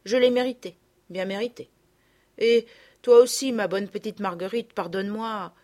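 A woman reading aloud voices Sophie, an impulsive, unhappy little girl who pleads in a high, childlike voice. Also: steady tone, normal speed, darkish tone, natural voice. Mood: remorseful.

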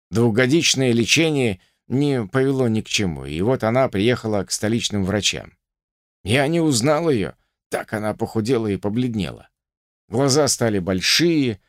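Man reading literary prose with lively intonation. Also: medium pitch, dry recording, clean studio sound. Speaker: audiobook reader. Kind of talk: expressive literary narration.

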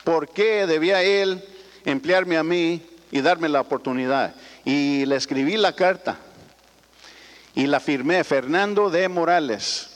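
A man's voice: a little high, unhurried. Older man telling stories in a hall. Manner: folksy, rambling, frequent "¿verdad?" tags. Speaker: speaker addressing business associates. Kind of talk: personal story told to an audience. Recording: long hall reverb.

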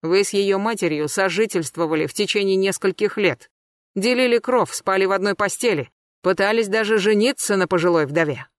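A reader voicing a cold, persistent male police colonel, cutting and deliberately calm. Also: medium pitch, dry recording, clean studio sound, natural voice. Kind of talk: audiobook character voice.

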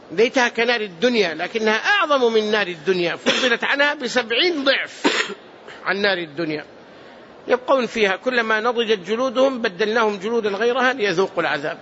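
A man's voice: sits high, sharp tone, muffled recording, slight background noise. A man teaching hadith in a large mosque, speaking earnestly, repeating phrases and adding prayers. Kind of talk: mosque lesson commentary.

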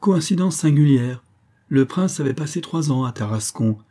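A man narrating a classic novel aloud in a measured, expressive audiobook reading. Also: on the high side. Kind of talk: scripted narration.

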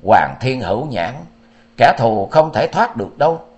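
A man voicing a soft, tearful young swordswoman. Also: mid-range voice, very animated, moderate pace, lightly acted. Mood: tender. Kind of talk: storybook narration.

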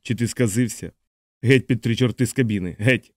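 A man's voice: medium pitch, a little fast, dry recording, close to an everyday voice. Brief: desperate airman in a panic, read by a man, dry close sound. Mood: panicked. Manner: hysterical, pleading. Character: panicked desperate male bombardier.

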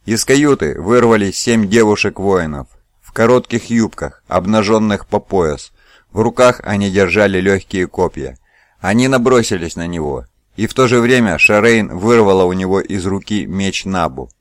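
A man with a rather low voice reads a novel aloud in a steady, measured storytelling manner. The recording is close and dry, with no echo. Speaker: narrator. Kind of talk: audiobook narration.

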